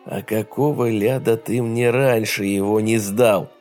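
A man's voice: fairly low pitch, fairly even intonation, measured pace, darkish tone, faint music behind, lightly acted. A man voicing a coarse bandit ringleader who barks threats and insults. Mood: rough threatening. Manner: crude, bullying, barking threats.

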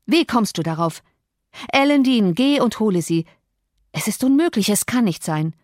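A stern, proud gentleman, read by a woman in her ordinary voice, speaking in short, controlled phrases. The audiobook sound is dry and close. Her pitch stays in a middle range. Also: expressive, normal speed, no room sound, lightly acted. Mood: urgent. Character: stern, wounded gentleman master of the house.

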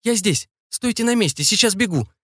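A man's voice: lively intonation, fairly quick, a bit bright, slightly rough, dry recording, studio quality, full character voice. A man doing a shrieking panicked young woman. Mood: panicked shouting. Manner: high strained shrieks. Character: panicked young woman Inna, shrill and breathless.

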